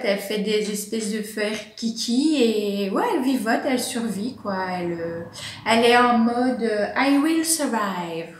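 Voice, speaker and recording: A woman chatting casually to camera at home, a plant vlogger who fills her talk with little hesitations and laughs. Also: a little high. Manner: chatty, many fillers and laughs. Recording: echoey room.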